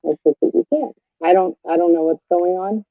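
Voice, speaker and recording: Board member on a remote call; the audio is muffled and breaking up, the voice is flat, and the sound is tinny and dry. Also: medium pitch, a little fast, no echo. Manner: hesitant, with frequent "um". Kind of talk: meeting discussion.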